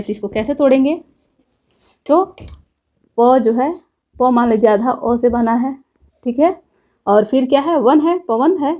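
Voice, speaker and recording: A woman's voice: high voice, darkish tone. A woman teaching a grammar lesson, explaining step by step and checking in often with the class.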